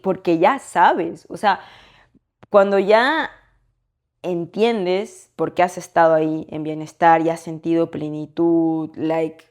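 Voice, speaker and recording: Young woman cohost, lowish voice, thinks out loud, lots of "eh" and tag questions. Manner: reflective, thinking aloud with hesitations and tag questions. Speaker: podcast co-host. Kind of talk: casual chat.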